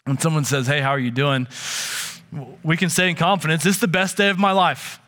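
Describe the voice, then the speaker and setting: A man's voice: a little high, fairly even intonation, brisk, a bit bright. A man preaching a sermon, earnest and conversational, often restarting his phrases. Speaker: pastor. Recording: long hall reverb.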